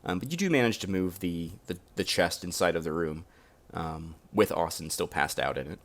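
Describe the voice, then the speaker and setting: A man running a tabletop game as game master, narrating in a relaxed, halting way with fillers, on a home mic over a voice call. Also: deep voice, vocal fry.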